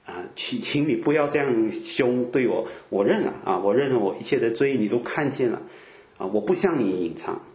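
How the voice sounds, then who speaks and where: A man preaching in a relaxed, conversational way, filling his talk with drawn-out "ah" sounds and rhetorical questions. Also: mid-range voice, reverberant. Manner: chatty, peppers speech with drawn-out "ah" fillers and rhetorical questions. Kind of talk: conversational Bible teaching.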